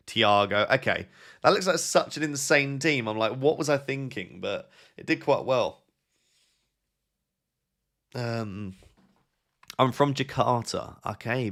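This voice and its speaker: A young man hosting a casual live stream, reading viewers' messages aloud and thinking out loud with quick, offhand advice. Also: medium pitch, creaky. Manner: thinks aloud with fillers and restarts. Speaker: live-stream host answering chat.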